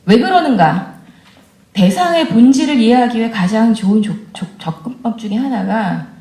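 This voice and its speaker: A woman in her forties with a fairly high, mellow voice gives a candid, conversational lecture to mothers as an education speaker, asking them questions. The recording carries the roomy echo of a lecture hall.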